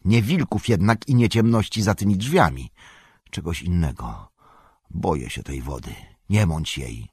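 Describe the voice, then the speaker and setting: Man reading a scared young hobbit, earnest, husky, dry sound. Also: sits low, lively intonation, a little slow, a little mellow, no echo, heavily acted. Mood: anxious.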